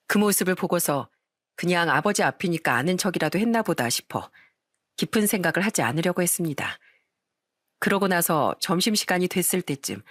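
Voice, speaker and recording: A woman narrating a scripted first-person story in a steady, confessional way. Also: on the low side, dry recording, studio quality.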